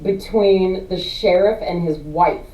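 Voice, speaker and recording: A woman co-hosting a casual movie review chat, animated, laughing often and swearing freely. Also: lowish voice, slow. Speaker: podcast co-host. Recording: roomy, distant mic, dull sound.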